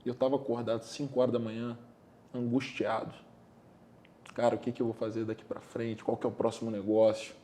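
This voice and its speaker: A man's voice: mid-range voice, level tone, a little fast, dark tone, a little hiss or hum. A man hosting a podcast, telling a reflective story in an informal, conversational way. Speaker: podcast host. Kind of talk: casual podcast interview.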